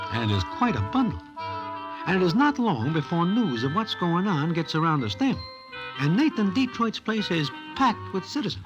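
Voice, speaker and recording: An actor playing a wary Broadway onlooker who narrates in slangy present tense with stiffly formal wording, in old radio drama style. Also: male voice, high voice, poor audio.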